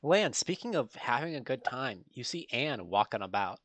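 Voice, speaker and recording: A man's voice: medium pitch, sing-song, fairly bright tone, no room sound. Dry-sounding man as game master. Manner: measured, uses fillers. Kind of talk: running a tabletop game.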